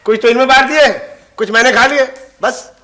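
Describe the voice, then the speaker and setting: A man's voice: very high-pitched, a little fast, bright, forceful tone. An actor playing an easygoing husband and father in an old TV sitcom, breezily placating his mother and his wife.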